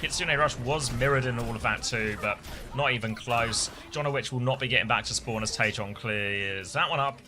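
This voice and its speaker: A man doing live esports play-by-play commentary, with fast excited calls that leap up in pitch on big plays.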